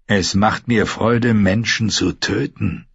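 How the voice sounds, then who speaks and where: A man playing a gruff, scornful scarred warrior. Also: lowish voice, takes it slowly, dry recording, dull audio, full character voice. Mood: menacing. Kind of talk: audiobook character voice.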